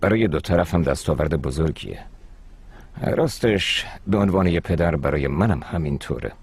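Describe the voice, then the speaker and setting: An actor playing a calm, measured middle-aged father and company owner in a dubbed drama. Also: a bass voice, creaky, breathy edge, no echo, heavily acted. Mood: pleased.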